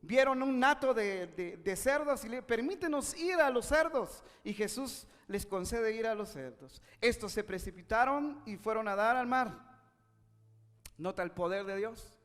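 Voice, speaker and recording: High-voiced preacher man in a reverberant hall. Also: a little slow, a bit bright. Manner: retells scripture with acted quotes, rising and dropping in intensity. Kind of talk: sermon.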